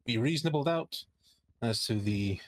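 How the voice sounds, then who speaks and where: A man's voice: medium pitch, expressive, normal speed, no echo, close to an everyday voice. Man playing pointed, sardonic defense lawyer, dry sound. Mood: firm, formal. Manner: rhetorical questions, pointed, sardonic. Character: skeptical, indignant male defense lawyer. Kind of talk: courtroom closing argument in a role-play game.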